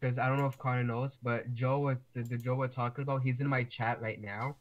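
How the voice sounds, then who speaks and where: A man's voice: mid-range voice, little pitch movement, fairly quick. Laid-back man on a dull lo-fi mic. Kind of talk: casual chat. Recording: dull lo-fi mic with faint noise.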